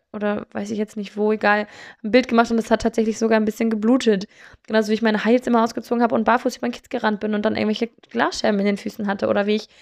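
A woman's voice: medium pitch, gravelly. A young woman telling candid, self-deprecating stories about herself in casual talk, with many fillers and restarts. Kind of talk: casual personal storytelling.

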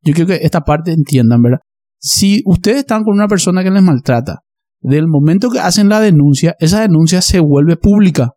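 A man's voice: on the high side, lively intonation, fairly quick, warm tone, dry recording, clean studio sound. A man, explaining a topic in a casual discussion and often checking that listeners follow. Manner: explanatory, checks in with "¿verdad?" and "¿entendés?".

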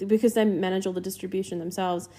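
A woman's voice: mid-range voice, steady tone, quick pace, dark tone. A young woman co-hosting a casual podcast, chatty and laughing, recorded muffled under a blanket at home. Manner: chatty, laughs often, trails off. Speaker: podcast co-host. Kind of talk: casual chat.

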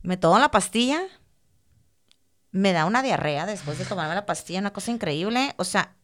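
Animated woman telling a story. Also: mid-range voice, moderate pace. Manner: animated, repeats words for emphasis. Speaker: podcast guest. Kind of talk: casual storytelling.

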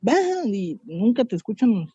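A woman's voice: medium pitch, big pitch swings, a little slow, mellow, slightly rough, no room sound, highs cut off. A woman chatting casually, telling rambling stories with restarts. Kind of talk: casual chat.

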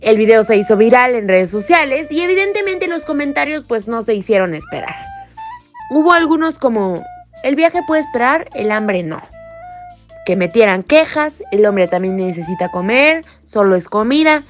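A woman co-hosting a news podcast, reading headlines and chatting lively with her co-host. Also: on the high side, moderate pace, soft background music. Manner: lively, laughs between items. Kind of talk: news read with banter.

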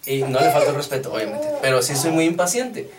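Animated Mexican podcast host. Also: male voice, a little high, fast talker, a crowd in the background. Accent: Mexican Spanish. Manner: animated storytelling, slangy. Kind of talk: casual podcast chat. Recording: distant mic with faint noise.

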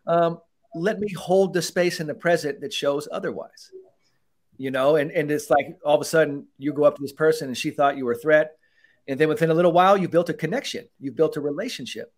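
The voice is a man's, pitched a little higher than most men's, and it comes across lively and loose in a casual podcast chat. He swears freely and keeps slipping into little acted-out voices of other people as he makes his points. He talks like a coach who is walking police officers through the mental side of the job. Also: a little fast.

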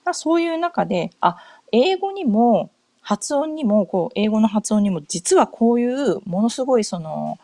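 A woman's voice: fairly high pitch, big pitch swings, moderate pace, few pauses, dark tone, no echo. A middle-aged woman from Japan hosting a casual podcast chat, talking in a loose, rambling way with many fillers and self-corrections. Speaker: podcast host. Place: home in North America.

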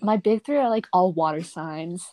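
A woman's voice: on the low side, expressive, normal speed, mellow, no room sound. A young woman co-hosting a casual podcast chat, laughing often and trailing off mid-sentence. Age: young adult. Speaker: podcast co-host.

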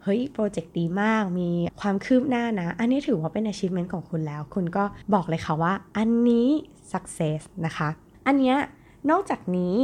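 A woman's voice: lowish voice, darkish tone. A young adult woman hosting a solo podcast, talking chattily and directly to her listeners in a casual, friendly way. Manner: chatty, addresses listeners directly with polite particles. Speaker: podcast host.

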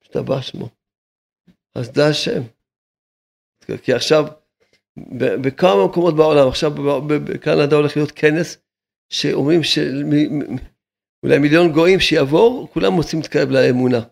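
Gravelly excitable man preaching. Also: long pauses. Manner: excitable, repetitive, laughing, leaps into high shouts. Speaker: religious teacher. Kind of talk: informal religious talk.

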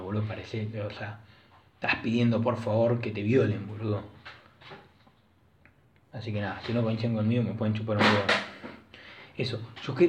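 Rambling young Argentine man, flat low voice. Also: slight background noise. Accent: Rioplatense Spanish. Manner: rambling, crude slang, self-correcting. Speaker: podcast host. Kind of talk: casual solo podcast monologue. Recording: echoey dull lo-fi room recording.

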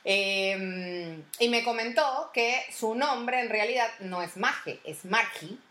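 A woman's voice: fairly high pitch, slow, reverberant. A young Venezuelan woman hosting a casual podcast, telling stories animatedly and acting out voices. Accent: Venezuelan Spanish. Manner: animated storyteller, acts out voices in anecdotes. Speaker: podcast host.

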